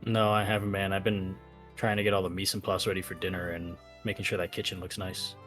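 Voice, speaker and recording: A man playing a tabletop game, describing his character's backstory in a relaxed, rambling way. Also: low voice, fast talker, soft background music. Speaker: player.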